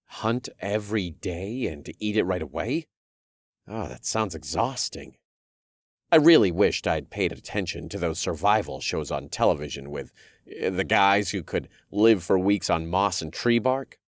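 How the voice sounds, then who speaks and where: A man's voice: low-pitched, animated, a little slow, dry recording, studio quality. A man narrating a fantasy audiobook in the first person, with wry storytelling.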